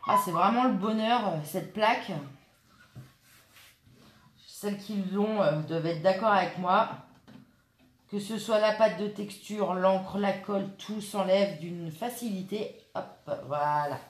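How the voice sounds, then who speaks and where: This is a laid-back scrapbooking demonstration, hosted by a woman who hesitates often and leans on fillers as she crafts at her table. She has a mid-range voice and takes her time. The space sounds open and roomy.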